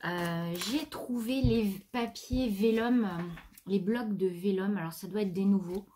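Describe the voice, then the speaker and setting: A woman from France chatting casually to her viewers about new craft supplies, relaxed and full of little fillers. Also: mid-range voice, a little slow, slight background noise. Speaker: crafting vlogger. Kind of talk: casual haul chat.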